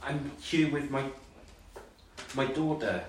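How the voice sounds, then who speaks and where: An actor playing a frightened village taxi driver and father, radioing for help in a halting, stammering, pleading way. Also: medium pitch, lightly acted. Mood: desperate. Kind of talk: audio drama acting. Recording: echoey, distant, faint noise.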